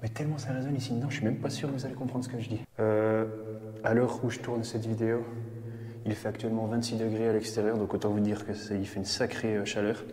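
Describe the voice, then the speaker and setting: A man's voice: lowish voice, flat delivery, quick pace, darkish tone, soft background music. A man exploring an underground bunker and filming a vlog. He talks to his viewers nervously and cracks jokes, and the concrete rooms give his voice a cathedral-like echo. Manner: nervous, joking, talking to viewers. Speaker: urban explorer filming a video. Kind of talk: vlog narration while exploring. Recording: echoey underground bunker, long reverb, faint ambience.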